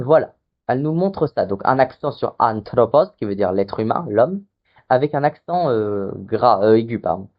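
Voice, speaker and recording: Guy teaching a lesson online, lots of euh and restarts, muffled lo-fi mic. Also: medium pitch. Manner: explains step by step, with many fillers and restarts. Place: hot room with a fan running. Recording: dull lo-fi mic. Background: fan noise masked.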